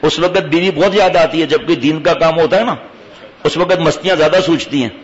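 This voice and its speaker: A man delivers a sermon, often asking the congregation rhetorical questions. His voice sits a little high. The recording is dull and carries a long hall reverb. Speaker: preacher.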